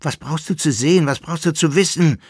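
A man's voice: on the low side, sing-song, a little slow, breathy edge, no echo, studio quality, full character voice. A man voicing a timid, grumpy old fiddler and jester who scolds his friend and is easily frightened, in an audiobook. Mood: fearful. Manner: scolding and fearful.

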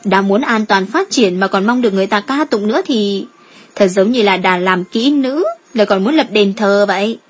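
A woman voicing a calm, shrewd female guild strategist in a measured, reasoning tone. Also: medium pitch, husky, lightly acted.

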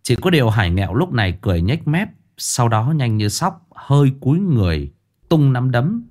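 A man narrating a story in a lively, expressive storytelling manner. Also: medium pitch, moderate pace.

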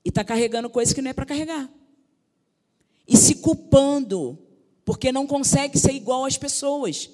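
A woman's voice: high voice, expressive, normal speed, warm tone. A woman pastor preaching a sermon, fervent, calling out to the congregation. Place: large church sanctuary. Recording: reverberant church hall.

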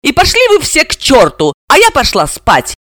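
A man's voice: extremely high pitch, huge pitch swings, normal speed, a bit bright, no echo, clean studio sound, pitched above the performer's own voice, heavily acted. A man voicing a sleepy, easily offended middle-aged mother who speaks up indignantly. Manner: raised, indignant.

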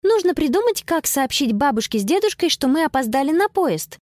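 A woman voicing an anxious, excitable young girl with a high, breathless voice, reading a storybook. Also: brisk, no echo, clean studio sound. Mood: pleading.

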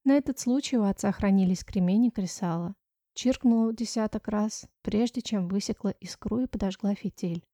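A woman reading a first-person audiobook story in a measured storytelling voice. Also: mid-range voice, dark tone, no room sound, studio quality. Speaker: audiobook narrator. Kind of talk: scripted first-person narration.

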